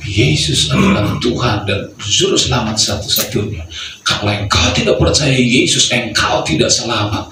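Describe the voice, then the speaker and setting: A man's voice: medium pitch, lively intonation, moderate pace, over music, natural voice. A man preaching who acts out the apostle Peter as blunt and impatient, talking back in an exasperated way. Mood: earnest. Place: church hall. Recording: echoey hall, voice from far off.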